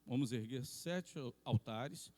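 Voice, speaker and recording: A man's voice: medium pitch, animated, slow pace, warm tone, big-room sound, pitched below the performer's own voice. A man voicing a stubborn hired prophet who talks in a matter-of-fact, bargaining way. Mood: instructing.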